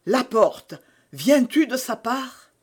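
Man doing a haughty duke, high strained voice, storybook reading. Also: lively intonation, slow pace, breathy edge, heavily acted. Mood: urgent. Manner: indignant outbursts, raised pitch. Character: proud male duke, haughty and quick to anger.

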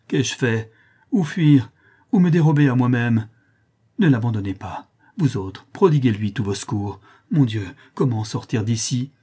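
A distraught nobleman cries out frantically, raised and loud, in a dark husky voice, as a male narrator plays him. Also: fairly low pitch, lively intonation, normal speed, hardly any pauses. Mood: despairing. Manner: frantic outcries. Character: distraught nobleman, desperate and remorseful.

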